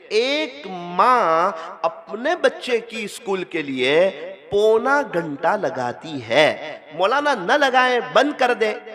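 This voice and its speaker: A man from Gujarat delivers an impassioned sermon in a high, carrying voice, repeating his lines for effect. The long reverb of a big hall hangs on every phrase. A crowd murmurs clearly underneath. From Gujarat, India. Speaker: preacher. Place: large hall with an audience. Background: crowd noise.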